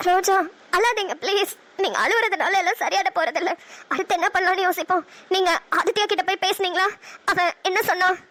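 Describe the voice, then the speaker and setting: A brisk, loyal cartoon best friend. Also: female voice, very high voice, sharp tone. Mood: urgent. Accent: Namakkal Tamil. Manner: quick, firm, encouraging. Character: loyal young female friend, practical.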